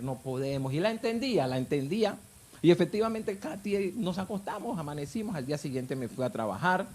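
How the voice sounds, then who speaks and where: A man's voice: fairly high pitch, darkish tone. A married man, telling his personal faith testimony in a fervent, emotional way. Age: adult, married with children. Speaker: guest giving testimony.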